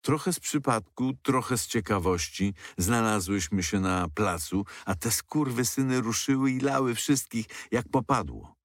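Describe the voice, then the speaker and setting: A man voicing a sharp-tongued young woman who answers with irony and anger. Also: fairly low pitch, lively intonation, moderate pace, hardly any pauses, no room sound, clean studio sound, pitched above the performer's own voice, close to an everyday voice. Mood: bitter. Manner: ironic, angry.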